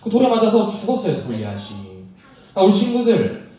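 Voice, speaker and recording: A young man preaching to children, telling a Bible story in a lively way and asking the kids questions as he goes. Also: high-pitched, a little fast, distant mic. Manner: animated, asks children questions. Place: church worship room. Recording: echoey room, voice from afar.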